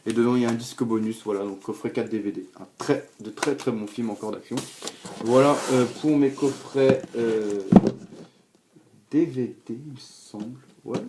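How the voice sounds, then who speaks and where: A man's voice: medium pitch, fairly even intonation, moderate pace. Rambling young man showing his DVDs. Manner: rambling, many fillers and repeated words. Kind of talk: casual spoken review. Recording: noisy home recording.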